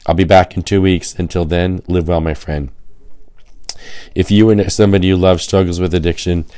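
A middle-aged man reads a scripted devotional as host of a program. His voice sits low and carries the hoarse rasp of laryngitis, like a smoker's. He speaks straight to the listener in measured storytelling, in a dry recording with no room sound. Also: steady tone, dark tone, no room sound.

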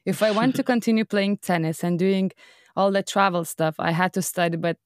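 A woman hosting a podcast interview, her voice sitting in the middle of the usual range. The sound is dry and close, with no room around it. She opens with scripted, upbeat lines, then moves into a relaxed back-and-forth with her guest. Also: medium pitch, a little fast, no room sound. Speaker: podcast host.

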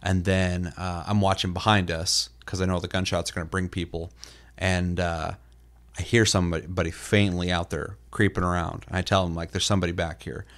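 A man's voice: sits low, little pitch movement, moderate pace, a bit bright. A man co-hosting a gaming podcast, telling stories in a rambling, casual way full of fillers and the odd swear word. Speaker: podcast co-host.

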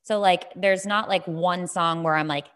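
Woman podcast host, lower-pitched voice, casual and chatty, long reverb of an echoing gym. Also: fairly even intonation, a little slow, fairly bright tone, clear, resonant tone. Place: indoor gym with strong echo.

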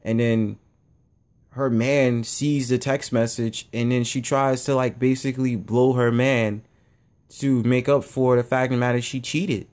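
A man's voice: mid-range voice, level tone, measured pace, darkish tone. Blunt rambling male show host. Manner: rambling, blunt, repeats himself. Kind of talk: casual opinion monologue.

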